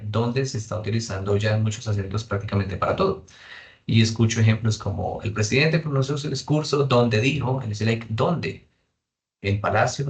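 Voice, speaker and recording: A man teaching an online English class, saying each point in English and then in Spanish. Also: fairly low pitch.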